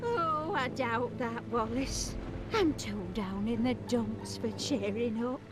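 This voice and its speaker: Plaintive older lady, video game character, high voice, slow, grumbling, loud music behind. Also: animated. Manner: plaintive, put-upon.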